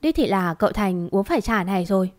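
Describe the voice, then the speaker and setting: A woman voicing an old male village physician who speaks in a measured, grave way. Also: medium pitch, animated, a little mellow, lightly acted.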